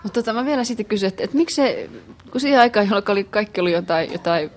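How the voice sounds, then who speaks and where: A woman's voice: medium pitch, a little hiss or hum. Woman radio host asking short questions. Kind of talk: casual radio interview.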